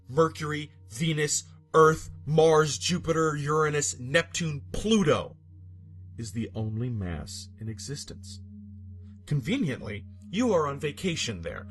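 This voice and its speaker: Delivered with a breathy edge in a slightly high, fairly bright voice, this is a man's over-the-top narration of an absurd fictional script. Music plays underneath as he stresses every dramatic beat.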